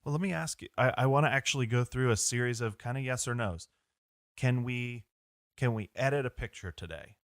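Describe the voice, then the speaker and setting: A man's voice: medium pitch, brisk, no echo, studio quality. Joking man co-hosting a podcast. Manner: joking, asks leading questions. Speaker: podcast co-host. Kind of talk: casual conversational discussion.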